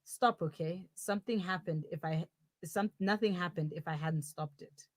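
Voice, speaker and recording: Brief: woman voicing a sarcastic young girlfriend in the wrong body, comic audio drama, lowish voice, dead dry sound. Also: moderate pace, no echo, close to an everyday voice. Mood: accusing. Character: blunt young woman stuck in her boyfriend's body.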